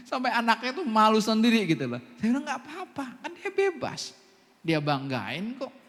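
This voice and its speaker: A man's voice: very high voice, normal speed. A man preaching a sermon as pastor, telling a story with lots of asides and laughter. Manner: lively storytelling with many asides, laughing often. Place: church hall. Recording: long church-hall reverb.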